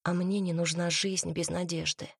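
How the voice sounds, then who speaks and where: A woman's voice: fairly low pitch, little pitch movement, normal speed, vocal fry, husky, no echo, clean studio sound. A woman reading the part of a self-sacrificing young woman in a storybook, speaking in an earnest, pleading way. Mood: tearful.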